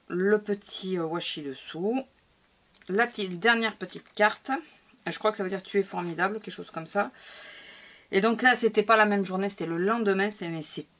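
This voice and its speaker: A woman's voice: on the low side, fairly bright tone. A woman casually showing her scrapbook album to viewers, chatty and hesitant, with many fillers and restarts. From France. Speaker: scrapbooking vlogger. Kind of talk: casual show-and-tell of a craft album.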